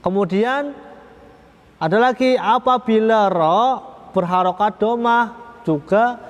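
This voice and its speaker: Slow, patient male religious teacher. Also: sits high, lo-fi sound. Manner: patient, repetitive, drawn-out chanted examples. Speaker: Quran recitation teacher. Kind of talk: slow religious lesson on tajwid. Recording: echoey long reverb hall.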